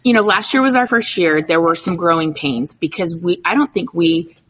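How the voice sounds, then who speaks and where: A woman softball analyst on a sports talk show, chatty and enthusiastic. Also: fairly low pitch, moderate pace, a little hiss or hum, rough recording.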